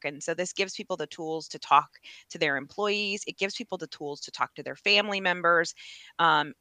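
A woman's voice: sits low, bright, forceful tone, no room sound. A woman guest in an interview, speaking in an earnest, emphatic and upbeat way. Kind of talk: casual interview.

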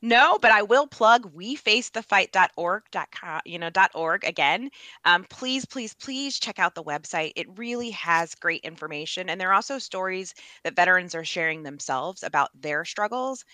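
A woman's voice: fairly low pitch, expressive, normal speed, bright, forceful tone, no echo. A woman guest in an interview, speaking in an earnest, emphatic and upbeat way. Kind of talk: casual interview.

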